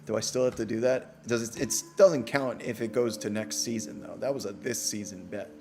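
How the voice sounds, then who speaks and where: A man's voice: lowish voice, vocal fry, a little mellow, faint music behind. A man with a New York accent hosting a casual livestream, joking and swearing as he answers viewers. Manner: joking, profane, quick banter. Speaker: host.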